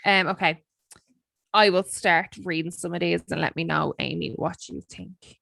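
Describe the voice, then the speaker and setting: A woman's voice: fairly low pitch, steady tone, normal speed, vocal fry, a bit bright, dry recording, clean studio sound. A woman in her twenties co-hosting a podcast over a video call, chatty and teasing and swearing freely. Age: 20s. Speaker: podcast co-host. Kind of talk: casual chat.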